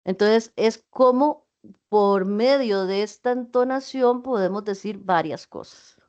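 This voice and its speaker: A woman's voice: mid-range voice, slow pace, a little mellow. Woman teaching on a dull call. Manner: patient, explains with spoken examples. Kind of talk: online class lecture.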